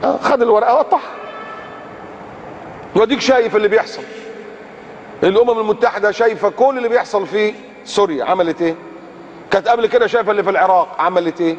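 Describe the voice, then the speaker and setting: Egyptian preacher, dramatic swings, echoing hall. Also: male voice, rapid-fire, pauses often, highs cut off. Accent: Egyptian Arabic. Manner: dramatic, with rhetorical questions and big swings from loud highs to low murmurs. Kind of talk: sermon. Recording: long hall reverb, faint background noise.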